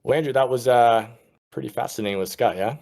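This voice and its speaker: A man co-hosting a casual golf podcast in a relaxed, rambling way. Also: mid-range voice, quick pace, vocal fry. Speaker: podcast co-host.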